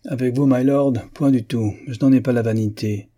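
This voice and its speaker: A man putting on a sharp-tongued sardonic lady. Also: medium pitch, steady tone, normal speed, lightly acted. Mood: mock-polite. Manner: cutting, ironic. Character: sharp-tongued satirical woman over thirty.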